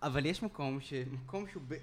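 A man hosting a podcast interview, dropping joking, playful asides. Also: a little high. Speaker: podcast host.

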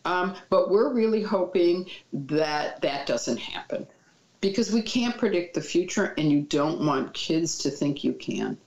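A woman with a low, gravelly voice gives calm, reassuring advice as a child mental health expert. The sound is dull and echoes around the room. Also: measured pace. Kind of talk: interview answers.

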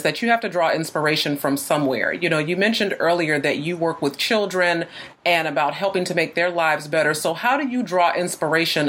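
A woman's voice: low-pitched, fairly bright tone. A woman hosting a podcast interview, affirming her guest and asking long questions with fillers like um and you know. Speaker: podcast host.

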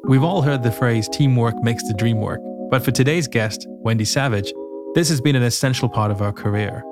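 A man's voice: mid-range voice, moderate pace, music in the background. A man hosting a podcast, telling stories in a reflective way and introducing a guest. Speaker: podcast host. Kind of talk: scripted intro and casual chat.

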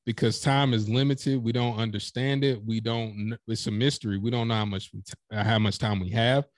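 A man's voice: fairly low pitch, fairly quick, no echo, studio quality. A man guesting on a podcast as a professional speaker, chatting casually and emphatically, acting out quotes as he makes his points. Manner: animated, emphatic storytelling with acted-out quotes. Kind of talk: casual interview chat.

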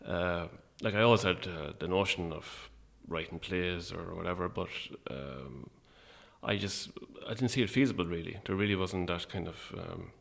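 A man with an Irish midlands accent talking casually and a little hesitantly as an interview guest, in a low-key, wry way. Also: normal speed, vocal fry, a bit bright. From Longford, Irish midlands.

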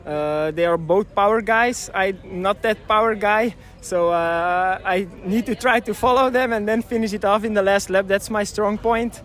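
A man's voice: high voice, normal speed, few pauses, a bit bright. A man from Belgium with a Belgian accent, giving casual interview answers as a bike racer in hesitant non-native English. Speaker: race winner being interviewed.

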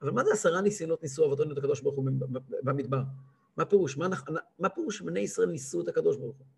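A man in his thirties, a rabbi giving a lively weekly lesson, who acts out a cantor's chanting and scolds him. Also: on the high side, gravelly, breathy edge. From Israel. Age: 30s. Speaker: rabbi teaching a weekly class.

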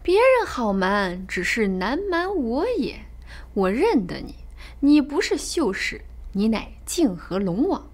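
A woman voicing an unflappable male fortune-teller in a storybook tale, slow, cool and mocking. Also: fairly high pitch, very animated, a little mellow, full character voice. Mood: scornful. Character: calm, scornful old male fortune-teller.

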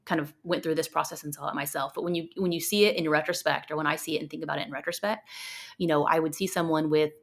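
Woman, physician guest, passionate, quick, lowish voice. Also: fairly even intonation. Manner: passionate, fast-talking explainer. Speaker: sports medicine physician, guest. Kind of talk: podcast interview.

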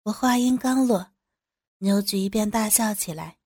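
A woman narrating a first-person adult audio story in a lively, sly, expressive way. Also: medium pitch, a little slow, slightly rough, no echo, studio quality.

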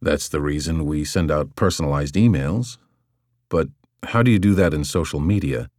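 A man reading an audiobook, voicing a thoughtful businessman who speaks in a measured, deliberate way. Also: a bass voice, darkish tone, dry recording, studio quality, voice pushed down.

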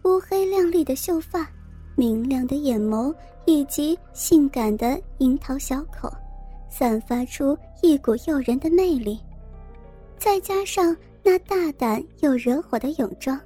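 A woman reading a scripted story as narrator, in a steady, even manner. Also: sits high, measured pace. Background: faint music.

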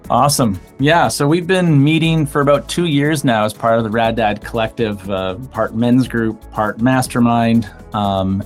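A man co-hosting a podcast, speaking earnestly and reflectively about fatherhood, telling a personal story. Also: medium pitch. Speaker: podcast co-host. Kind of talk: earnest podcast intro talk.

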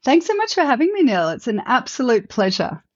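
A woman's voice: high voice, big pitch swings, fairly quick, no room sound, muffled recording. A woman in her thirties with an Australian accent, a veterinarian chatting reflectively as an interview guest, with fillers and restarts. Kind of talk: conversational interview.

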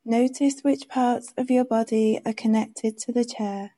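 Slow, soothing woman guiding meditation. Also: on the high side, steady tone. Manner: gentle, soothing, unhurried instructions. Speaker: meditation guide. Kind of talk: guided meditation.

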